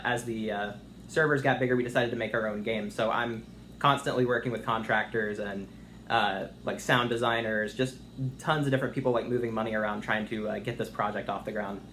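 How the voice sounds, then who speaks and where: A man's voice: medium pitch, a bit bright. A young man answering job interview questions in an eager, chatty, polite and informal way. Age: young adult. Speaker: internship applicant being interviewed. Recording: faint noise, phone interview on speaker.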